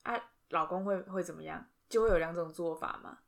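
Woman, podcast co-host, low-ish voice, chatty and animated. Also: a little fast, vocal fry. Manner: chatty, animated storytelling with frequent fillers. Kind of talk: casual chat.

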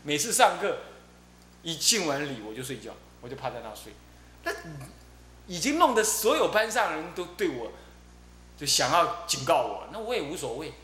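A middle-aged man, giving a Buddhist dharma talk as abbot and telling stories in a lively way, often repeating his fillers. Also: a little high, normal speed. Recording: roomy echo with faint hum.

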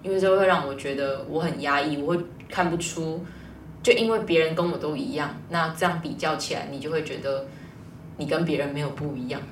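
A young woman, a guest telling a personal story in a rambling, lively way. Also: low-pitched, fairly quick, a little hiss or hum. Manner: rambling, lively retelling with quoted dialogue. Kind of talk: casual storytelling in an interview. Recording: distant mic, roomy echo.

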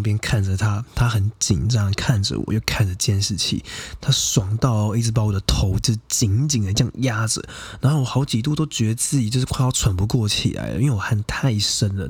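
A man's voice: on the low side, a little fast, breathy edge, dry recording. A young adult man, hosting a podcast and casually telling a personal story in a frank, profane, chatty way full of fillers. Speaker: podcast host.

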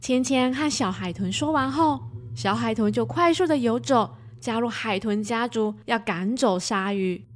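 A woman storyteller giving expressive narration of a children's tale. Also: fairly high pitch, a little slow.

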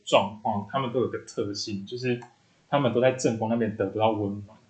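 Fast-talking man telling a story. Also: lowish voice. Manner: animated storyteller who acts out quoted dialogue. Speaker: podcast co-host. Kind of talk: casual chat, telling a personal story. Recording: echoey room.

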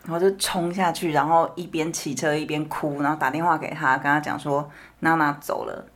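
A woman with a Taiwanese Mandarin accent, co-hosting a casual chat and recounting events calmly. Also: sits low, brisk. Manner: calm, matter-of-fact recounting. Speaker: podcast co-host.

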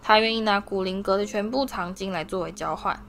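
A woman narrating a fantasy novel as an audiobook reader, in a steady, expressive reading voice. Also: medium pitch, fairly quick, faint music behind. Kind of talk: storybook narration.

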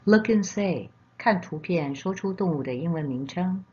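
Woman, kindergarten teacher type, lowish pitch, guiding young children through a scripted lesson; unhurried, encouraging, dull lo-fi recording. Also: expressive, a little mellow, husky. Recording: dull, lo-fi sound.

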